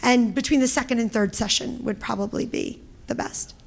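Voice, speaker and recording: A middle-aged woman with a Brooklyn accent, giving a loud, animated conference talk and taking questions. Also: on the high side, vocal fry, slight background noise. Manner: loud, animated, quick talker. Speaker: presenter. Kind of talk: conference presentation and Q&A.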